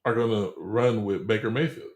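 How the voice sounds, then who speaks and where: A man's voice: on the low side, normal speed, a little mellow, roomy sound. A man co-hosting a casual sports talk show, pressing his partner with pointed questions and playful ribbing.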